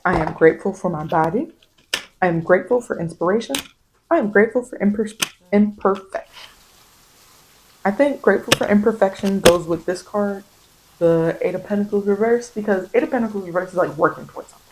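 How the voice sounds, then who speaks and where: Birds and rain fill the noisy background as a woman, a tarot card reader and host, gives an encouraging, informal reading in ASMR style. She talks a little fast in a mid-range voice, using colloquial language and repeated phrases for emphasis.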